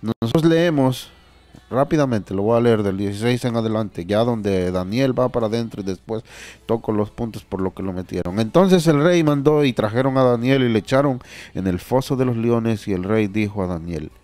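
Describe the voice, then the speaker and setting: A man's voice: medium pitch, moderate pace, a little mellow, dry recording. A man preaching a sermon and reading scripture aloud, earnest and repeating phrases for emphasis.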